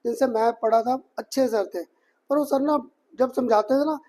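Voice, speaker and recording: A male chemistry teacher delivers a chatty classroom lecture in Hindi, mixing in English technical terms and repeatedly asking students if it's clear. His voice is very high-pitched and warm, at a normal speed.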